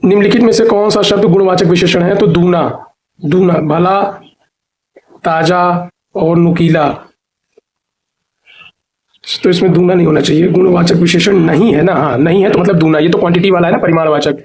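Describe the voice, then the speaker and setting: A man's voice: high-pitched, steady tone, normal speed, pauses often, a little mellow. A man teaching an exam preparation lesson who reads out word lists and repeats each answer. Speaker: Hindi teacher.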